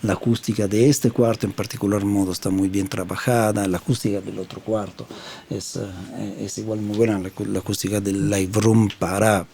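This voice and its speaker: A man in his fifties with an Italian accent, a native Italian speaker, answering interview questions in a thoughtful, halting way with many fillers, recorded in a recording studio. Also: on the low side, flat delivery, gravelly, warm tone, a little hiss or hum. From Italy. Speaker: sound engineer and studio founder, guest.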